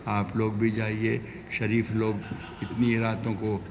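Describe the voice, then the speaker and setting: A man with a very creaky voice talks informally to a poetry audience, offering conversational asides and explanations. The sound has long hall reverb and is slightly dull, with faint noise. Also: on the low side, completely flat delivery. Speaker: poet addressing the audience at a mushaira. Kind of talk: informal stage talk between verses. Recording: muffled, noisy recording in a reverberant hall.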